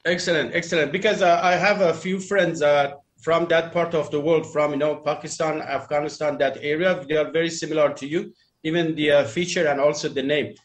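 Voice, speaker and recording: A man's voice: fairly high pitch, fairly even intonation, brisk, hardly any pauses. A man chatting casually on a group call about dating, rambling with restarts and uneven phrasing. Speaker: dating talk panelist. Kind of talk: casual group chat, opinionated.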